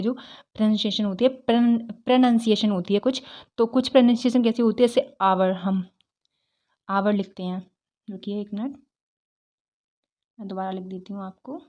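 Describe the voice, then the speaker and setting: A woman's voice: mid-range voice, a little mellow. A woman teaching English grammar, explaining step by step, asking rhetorical questions and checking in with "theek hai".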